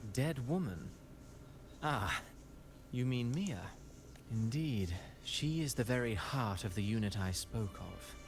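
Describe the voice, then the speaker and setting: An actor playing a suave, cold and calculating conspirator in a video game, speaking in a smooth, courtly, theatrical manner. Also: male voice, medium pitch, lightly acted. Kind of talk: scripted video game dialogue. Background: game music.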